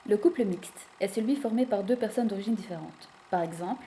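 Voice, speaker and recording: Woman, scripted narration, measured, very mellow tone. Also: mid-range voice, slight background noise. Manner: measured, explanatory.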